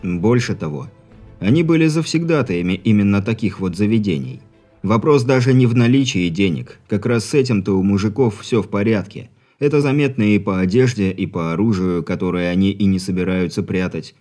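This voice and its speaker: A man narrating an audiobook with an even, wry storytelling manner. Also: lowish voice, fairly quick, soft background music. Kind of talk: scripted narration.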